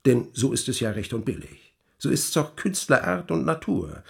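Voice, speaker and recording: An actor playing the Devil as a sly, mocking, smooth-talking tempter in a radio drama, theatrical and insinuating. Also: male voice, medium pitch, very animated, normal speed. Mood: gloating, theatrical. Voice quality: husky, breathy, creaky. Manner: theatrical, insinuating, wordy with mannered archaic phrases.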